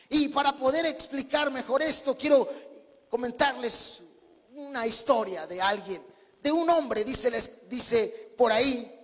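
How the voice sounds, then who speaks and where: Preaching a sermon full of stories and emphasis, this man has a husky, very high voice with a slightly bright edge. The church hall's long reverb lingers after each phrase.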